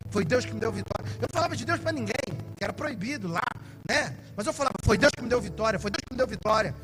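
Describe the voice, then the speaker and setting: A man preaching as a pastor, telling stories to his congregation and rising into shouted peaks. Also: high-pitched, rough recording. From Brazil. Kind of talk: sermon.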